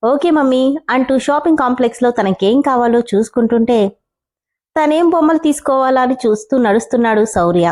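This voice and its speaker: A woman's voice: on the high side, expressive, fairly quick, darkish tone. A woman narrating a story aloud, reading expressively and switching between character voices.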